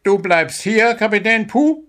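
A tiny bird football coach with a shrill, piping voice that scolds his team sharply and mocks them with sarcasm. He speaks loudly and firmly, high above a normal speaking voice, in a storybook reading. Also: animated, a little slow. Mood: scolding.

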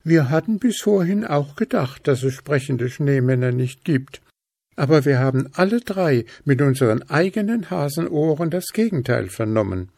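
A man's voice: on the high side, animated, moderate pace, gravelly, darkish tone, dry recording, clean studio sound, voice pushed up. A man doing eager little rabbit kids.

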